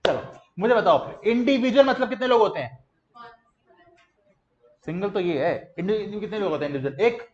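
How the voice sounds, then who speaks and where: High-voiced man teaching a lively class. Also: fairly quick, reverberant, muffled recording. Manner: lively, quizzing students in call-and-response drills. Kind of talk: classroom lecture. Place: classroom with students.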